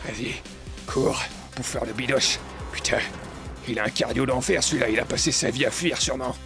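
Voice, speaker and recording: Gravelly-voiced man roleplaying a game. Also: medium pitch, normal speed, music in the background. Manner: theatrical, swings between calm narration and outbursts of insults. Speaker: gamer roleplaying a dinosaur.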